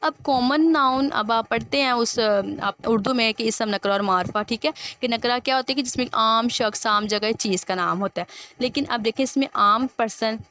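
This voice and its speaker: A woman with a fairly high voice teaches an English grammar lesson. She reads the book's text slowly and then explains it patiently. She keeps putting questions to her listener. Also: fairly bright tone.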